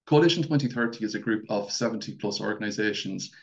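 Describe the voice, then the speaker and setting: A man's voice: fairly low pitch, quick pace, creaky, muffled recording. A man from County Mayo with a thick west of Ireland accent, giving a semi-formal talk and often repeating and rephrasing as he goes.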